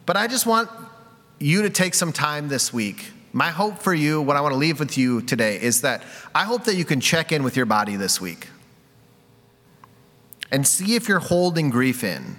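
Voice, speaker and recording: A man's voice: a little high, big pitch swings, moderate pace, fairly bright tone. A man giving a candid, confessional sermon, telling a personal story with self-deprecating laughs. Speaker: preacher. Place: church sanctuary. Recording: long reverb of a large hall.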